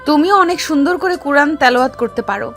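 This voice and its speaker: A woman playing a short-tempered, bossy young wife who can soften, in an acted audio love story with music behind. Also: high voice, expressive, fast. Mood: softened, curious.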